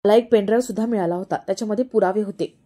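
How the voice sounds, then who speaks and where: A woman's voice: mid-range voice, racing, warm tone, lightly acted. A woman voicing a determined young wife who keeps pressing with questions, read aloud as a serial recap. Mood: earnest.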